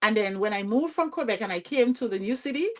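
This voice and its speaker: A woman with a Vincentian accent, a podcast guest telling her story in a lively, chatty way and often checking in with "you see what I'm saying?". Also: fairly high pitch, fast. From Saint Vincent and the Grenadines. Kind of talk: conversational storytelling interview.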